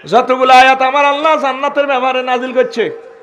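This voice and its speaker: A man's voice: very high voice, level tone, fairly quick, fairly bright tone. A man with a Comilla Bengali accent preaching a humorous Islamic sermon, chanting verses in a sing-song voice and calling out to the crowd. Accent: Comilla Bengali dialect. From Bangladesh.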